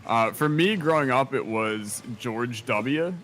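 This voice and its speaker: An American man co-hosting a casual gaming chat, easygoing and quick to laugh. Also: mid-range voice, animated, a bit bright. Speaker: co-host.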